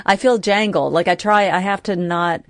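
A woman co-hosting a radio show, chatting in an animated, rambling, self-deprecating way. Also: on the low side, moderate pace, dry recording, studio quality. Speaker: radio co-host. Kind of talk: casual radio chat.

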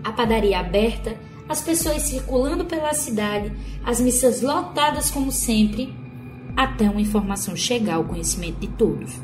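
Woman as a high-voiced ringmaster clown narrator, echoey. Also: lively intonation, moderate pace, lightly acted. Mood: grand, inviting. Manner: ringmaster-like, declamatory storytelling to the audience. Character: theatrical clown narrator, a ringmaster introducing a folk play. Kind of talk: radio play narration. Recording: roomy, echoing sound under loud music.

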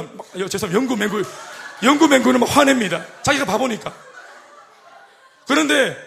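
A middle-aged man preaching a sermon as pastor, animated and joking, acting out quoted voices. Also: very high-pitched, vocal fry. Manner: animated, acts out quoted voices and jokes with the congregation.

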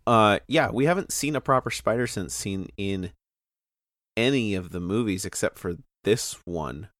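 A man's voice: on the low side, expressive, moderate pace, fairly bright tone, dry recording, clean studio sound. A man co-hosting a casual movie discussion, talking in rambling, self-interrupting bursts. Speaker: podcast co-host.

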